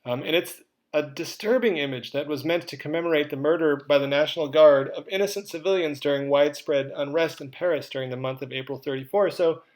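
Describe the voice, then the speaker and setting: A man delivers an art history lecture in a relaxed, conversational manner, dropping in casual asides as he goes. His voice sits a little high for a man. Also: fairly quick, hardly any pauses. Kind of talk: recorded lecture.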